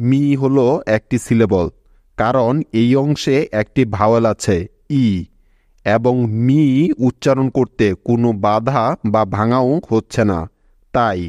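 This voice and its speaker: A man's voice: mid-range voice, a little mellow, dry recording, clean studio sound. A man teaching English spelling rules to pupils, patiently repeating each step and stopping to check they understood. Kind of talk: scripted teaching narration.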